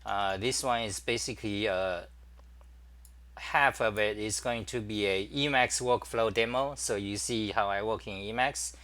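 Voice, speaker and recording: A man hosting a casual livestream, demonstrating his computer workflow and greeting viewers, talking haltingly with many fillers and restarts. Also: lowish voice, pushed and bright. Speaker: talk show host. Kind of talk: casual screen-share livestream.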